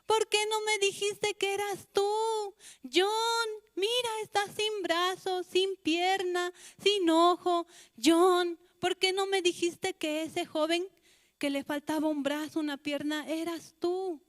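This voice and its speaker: A woman's voice: high voice, measured pace, fairly bright tone. A woman voicing a fretful, doting mother. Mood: wailing grief. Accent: Bolivian Spanish. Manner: fretful, sighing "ay". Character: anxious, doting middle-aged mother.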